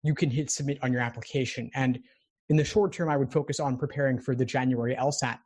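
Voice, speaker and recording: A man coaching a law school applicant, speaking calmly and directly. He has a middling pitch and an even, plain delivery. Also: fast. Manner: calm, direct advice. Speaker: admissions coach. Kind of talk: coaching advice.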